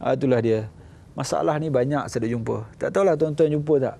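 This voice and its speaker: A man with a Malaysian Malay accent gives a lively sermon as a religious teacher. His voice is gravelly and dark. He talks in an animated way, acting out small scenes. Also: a little fast. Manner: animated, acts out little scenes, jumps to high voices. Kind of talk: lively sermon with acted dialogue.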